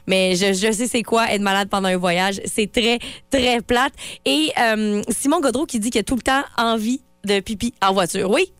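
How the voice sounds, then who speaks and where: A woman's voice: medium pitch, dry recording. A woman with a Quebec French accent hosting a morning radio show, chatty and laughing often. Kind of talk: casual radio chat.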